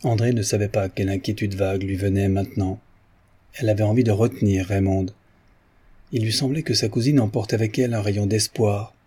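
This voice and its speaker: A man reading a classic novel aloud as an audiobook narrator in a measured, literary way. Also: on the low side, steady tone, mellow, slightly rough.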